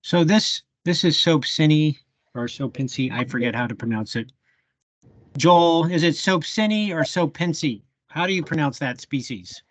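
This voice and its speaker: A man's voice: on the high side, animated, normal speed, dry recording. A man leading a live bee identification workshop over a video call, thinking aloud with fillers as he works a microscope. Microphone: computer mic on a video call.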